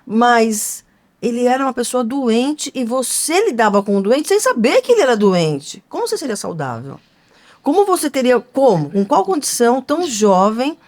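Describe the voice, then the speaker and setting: A woman's voice: a little high, sing-song, moderate pace. A woman co-hosting a podcast, talking earnestly and emphatically, posing rhetorical questions. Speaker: podcast co-host. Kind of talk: conversational podcast talk.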